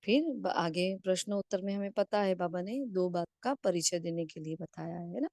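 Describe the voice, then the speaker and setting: Fairly low in pitch, creaky and darkish, this woman speaks at a moderate pace as a spiritual class teacher giving a discourse on a video call. She asks rhetorical questions and checks in often with tag questions, in clean studio sound without echo.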